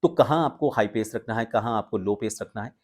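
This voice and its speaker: Teaching viewers about voice modulation, this male voice instructor explains things deliberately, pausing to stress key points in a measured manner. His pitch is fairly low and the tone slightly mellow.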